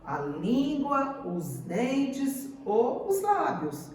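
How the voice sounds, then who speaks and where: A woman teacher giving a slow, deliberate grammar lesson, repeating example words. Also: sits high, very animated, a little mellow. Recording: echoey room, mic at a distance.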